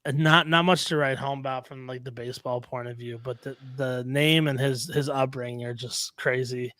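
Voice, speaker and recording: A man's voice: mid-range voice, steady tone, normal speed, fairly bright tone, dry recording, studio quality. A man co-hosting a casual sports podcast, telling stories in a laid-back way, with lots of "um" and "like". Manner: storytelling, laid-back, uses many "um" and "like". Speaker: podcast co-host. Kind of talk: casual chat.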